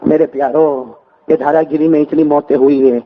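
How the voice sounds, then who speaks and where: A male preacher telling stories in a lively sermon, prompting the congregation to repeat after him. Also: a little high, phone-quality sound. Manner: animated call-and-response with the congregation. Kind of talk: sermon storytelling.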